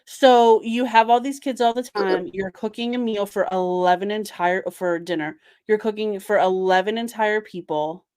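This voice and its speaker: A woman's voice: medium pitch, normal speed, few pauses, darkish tone, clear, resonant tone, dry recording, clean studio sound. A woman of Puerto Rican heritage hosting a casual chat, playful and sassy, with lots of "like". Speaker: podcast host.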